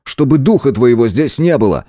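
A man's voice: medium pitch, very animated, fairly quick, dark tone, dry recording, clean studio sound, voice pushed up, natural voice. A man voicing a curt, domineering young lord who gives orders, in an audiobook. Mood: commanding. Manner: curt, commanding. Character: young lordly male hero, cold and domineering.

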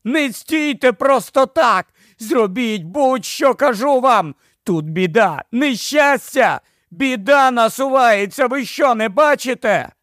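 A frantic middle-aged man shouts and pleads, his voice climbing high and cracking with urgency, as a male narrator puts him on. The sound is close and dry, like a storybook reading. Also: big pitch swings, slow, dry recording, exaggerated voice.

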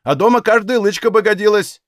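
A man's voice: sits high, a little fast, no room sound, studio quality, pitched above the performer's own voice, natural voice. A man doing a grumbling old Cossack father. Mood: indignant. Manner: folksy dialect, indignant scolding.

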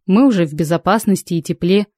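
A woman's voice: fairly low pitch, fast, warm tone, no echo, clean studio sound, lightly acted. A woman voicing a stubborn, lovestruck male space pirate in an audiobook, speaking in a coaxing, self-assured way.

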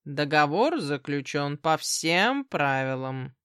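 A woman's voice: deep voice, big pitch swings, slow, fairly bright tone, clear, resonant tone, no room sound, studio quality, voice pushed down, heavily acted. A woman voicing a grumpy male cat who is secretly a powerful ancient demon, hissing and grumbling as he speaks.

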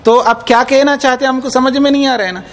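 A man's voice: extremely high pitch, quick pace, fairly bright tone. A man teaching a class on Indian logic, explaining patiently with repeated examples and frequent check-ins with his students. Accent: Hindi. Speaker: teacher of Nyaya philosophy.

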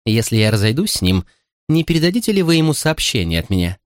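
A man's voice: medium pitch, big pitch swings, fast, no echo, clean studio sound, pitched above the performer's own voice, close to an everyday voice. A man voicing a shy young girl who apologizes politely, in an audiobook reading. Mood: sheepish.

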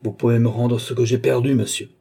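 A man's voice: mid-range voice, little pitch movement, fairly quick, mellow, slightly rough. A man reading an audiobook, voicing an indignant, hot-headed young nobleman who accuses and raises his voice. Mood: furious.

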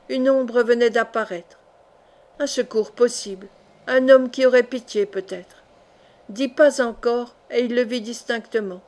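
A woman narrating a classic adventure novel in a measured, expressive audiobook reading. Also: a little high. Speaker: audiobook reader.

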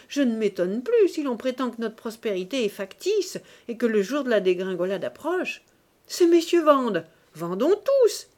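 A woman doing a furious shouting financier. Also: a little high, natural voice. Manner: shouting, explosive. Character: furious middle-aged male financier. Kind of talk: audiobook character voice.

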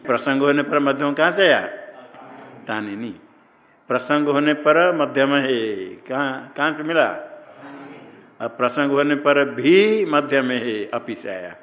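A man teaching Sanskrit grammar in a slow classroom lecture, posing questions and answering them himself. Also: medium pitch, a bit bright. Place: ashram classroom. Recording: long hall reverb.

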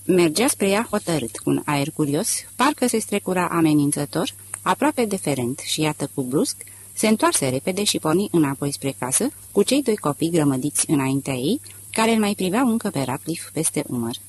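A man reading a literary audiobook aloud in a measured, expressive narration. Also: on the high side, slight background noise. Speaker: audiobook reader.

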